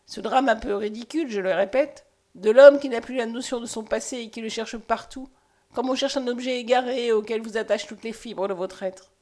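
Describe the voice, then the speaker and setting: Rich and earnest, a woman voices a tormented man searching for his forgotten past, pleading with quiet intensity. The voice sits a little high for a man, keeping the tone of a storybook reading. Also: fairly even intonation, brisk, close to an everyday voice. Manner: earnest, impassioned. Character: haunted man with lost memory, pleading and intense.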